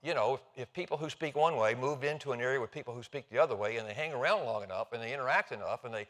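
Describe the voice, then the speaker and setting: A man's voice: medium pitch, racing, a bit bright. A man, teaching a sermon in a church in a chatty, folksy way and joking with the congregation. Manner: chatty, self-interrupting, jokes with the congregation. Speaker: preacher. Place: church sanctuary.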